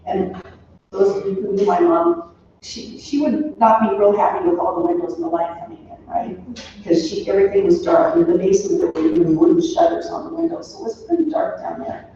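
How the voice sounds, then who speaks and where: A woman in her sixties, her mid-range voice creaky and dark, talks a little fast and very animatedly while remembering her late parent at the funeral. The unscripted eulogy wanders with anecdotes and trailing asides, picked up distantly in an echoey room, so it sounds roomy and muffled, with faint noise.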